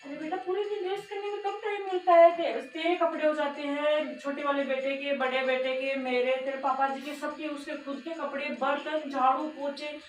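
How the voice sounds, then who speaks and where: A woman's voice: high voice, level tone, normal speed, hardly any pauses, slight background noise, natural voice. A woman playing a fair-minded middle-aged mother-in-law in a home family skit, coaxing and reasoning. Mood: explaining. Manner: coaxing, keeps calling others 'beta'. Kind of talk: amateur home drama acting. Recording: echoey room, distant mic, faint music.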